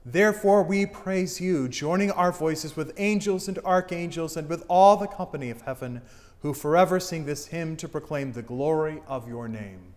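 A middle-aged priest intones liturgical prayers with solemn, declamatory weight, his loudness rising and falling with the text. His fairly high male voice rings through a reverberant church sanctuary. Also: moderate pace. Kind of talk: chanted and spoken liturgy. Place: church altar, indoors.

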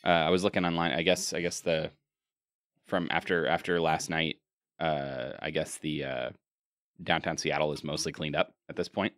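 A man's voice: a bass voice, level tone, normal speed, a bit bright, no echo. A young man chatting casually and informally as a game stream host, rambling a little, close to the mic. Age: young adult. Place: small room indoors, home streaming setup. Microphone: close microphone on a boom arm.

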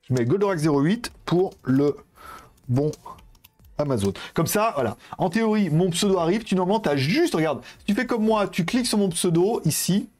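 Young man, casual live-stream host, fairly high voice, very lively intonation, rambling with fillers. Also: normal speed. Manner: chatty, rambling, informal with many fillers; addresses viewers directly. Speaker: streamer hosting a giveaway.

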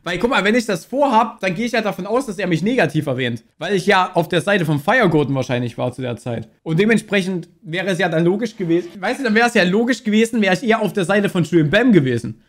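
A young man in his twenties reacting to a video on stream, talking in a loose, slangy, rambling way into a boom mic in a small room. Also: expressive, fast talker, hardly any pauses. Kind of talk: casual reaction commentary. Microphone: boom mic on arm, wearing headphones.

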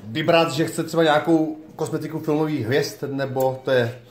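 A playful man in his thirties talks into a phone held at arm's length. His voice sits a little high, and the small salon around him sounds echoey. His phrasing is jokey and drawn out. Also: a little hiss or hum. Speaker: vlog host. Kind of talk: casual handheld vlog presenting. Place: small hair salon, indoors. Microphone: phone camera at arm's length.

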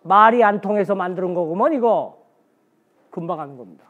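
A man's voice: sits high, lively intonation, a little fast, narrow, tinny audio. A man giving a special history lecture in a blunt, colloquial way, asking himself questions and answering them.

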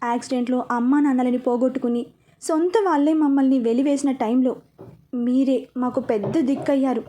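A woman's voice: sits high, fairly even intonation, a little fast, mellow. A woman voicing a stern, hot-tempered young man. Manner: commanding, scolding.

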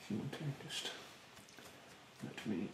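In an ASMR roleplay, a man in his twenties plays a rude beautician, speaking softly and breathily, often nearly whispering, in a haughty, condescending, politely insulting manner. He talks a little slowly in a small indoor bedroom, and the recording is reverberant with background noise.

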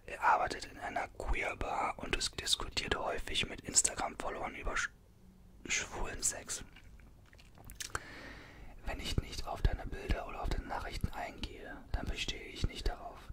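A man in his twenties whispers in a hushed, breathy voice close to the microphone, reading aloud in ASMR style with informal, conversational asides. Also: moderate pace. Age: 20s. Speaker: ASMR creator. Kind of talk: ASMR, reading an article aloud with casual comments. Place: small bedroom. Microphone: desktop condenser microphone, close up.

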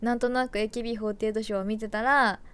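A woman's voice: on the high side, fairly even intonation, rapid-fire, a bit bright, clear, resonant tone. A young woman idol chatting casually on a livestream, rambling and giggly and correcting herself as she goes.

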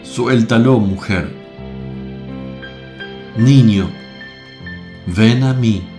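An actor playing Jesus as a calm, gentle man in a radio drama, speaking softly and soothingly. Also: on the low side, drawn-out words. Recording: music bed behind voice.

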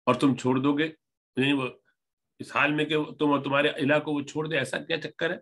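Man, Arabic teacher, grammar lesson, reads a line slowly then explains each word. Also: fairly high pitch, flat delivery, a bit bright. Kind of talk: grammar lesson, reading and translating Arabic text.

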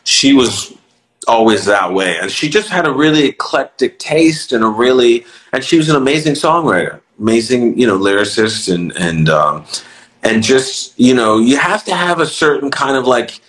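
A man's voice: medium pitch, sing-song, normal speed, fairly bright tone, low-quality recording. Reflective middle-aged man, interview guest. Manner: reflective, many restarts and "you know". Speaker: music producer and songwriter, guest. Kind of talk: casual interview conversation.

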